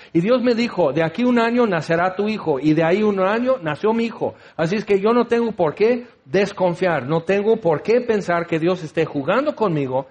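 A man's voice: high-pitched, a little mellow. A man preaching a sermon, teaching with rhetorical questions and acting out the voices he quotes.

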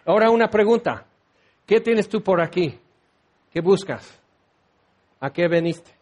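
Animated high-voiced preacher. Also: male voice, unhurried. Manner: animated, acts out quoted voices, rhetorical questions. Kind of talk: sermon.

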